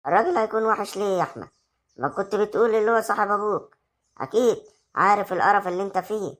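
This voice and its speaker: A woman's voice: medium pitch, racing, lightly acted. A woman with an Egyptian accent playing a young wife who insistently coaxes her husband in a village drama. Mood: coaxing. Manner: coaxing, insistent. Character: young scheming wife, pushy and persuasive. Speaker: actor in a web drama. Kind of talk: amateur village drama acting.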